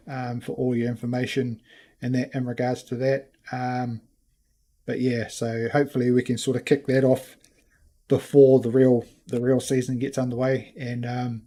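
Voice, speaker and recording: Male race series host, New Zealand accent, even flat pitch, halting off-the-cuff delivery. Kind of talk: casual unscripted thank-you talk.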